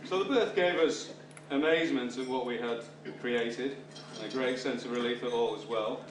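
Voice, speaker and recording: At medium pitch and normal speed, a middle-aged or older British man gives a wryly humorous father of the bride speech. The audio is roomy and distantly miked, and room sounds and guests laughing are clearly audible behind him.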